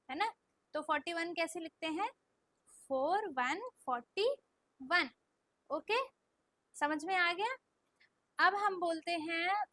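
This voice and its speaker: A woman teaching kindergarten children, talking close to the mic. She says numbers in Indian English, repeats them slowly and asks the class many questions. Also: very high-pitched, fairly bright tone, no room sound. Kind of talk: recorded classroom lesson.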